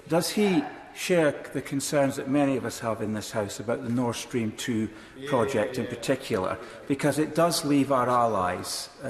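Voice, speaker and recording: Man's parliament speech, echoey, crowd behind. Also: mid-range voice. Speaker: member of parliament making an intervention. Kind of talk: formal parliament speech, putting a question. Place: large debating chamber.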